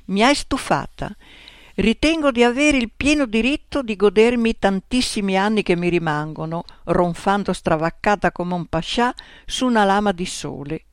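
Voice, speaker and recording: A woman's voice: medium pitch, no room sound, studio quality, natural voice. Woman putting on a sassy lazy female cat. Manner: grumbling, indignant and cheeky. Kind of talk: storybook reading.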